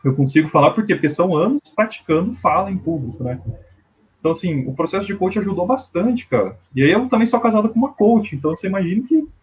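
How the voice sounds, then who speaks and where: Brazilian male guest, casual and chatty, slightly high husky voice, dull lo-fi audio. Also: quick pace. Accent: Brazilian Portuguese. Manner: relaxed, filler-heavy, says "cara" often. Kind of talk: casual podcast chat.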